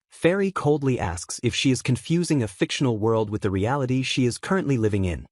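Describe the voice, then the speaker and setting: A man giving scripted recap narration in a steady, even storytelling delivery. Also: mid-range voice, dry recording, studio quality.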